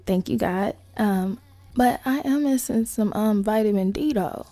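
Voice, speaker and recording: A woman hosting a casual solo podcast, talking to listeners in slangy, sweary asides with creaky vocal fry. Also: medium pitch, unhurried, warm tone, dry recording. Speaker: podcast host.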